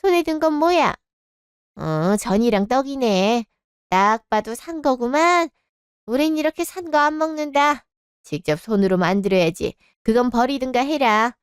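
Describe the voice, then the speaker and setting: A woman's voice: a little high, animated, unhurried, clean tone, no echo, clean studio sound. A woman voicing a stern, nagging older mother-in-law in a radio drama, scolding and overbearing. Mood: bossy.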